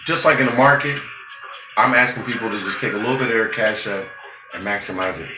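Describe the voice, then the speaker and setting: A man giving a profane, preachy street-talk monologue, swinging between loud outbursts and low muttering. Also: fast talker. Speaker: vlogger. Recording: roomy, with music playing behind.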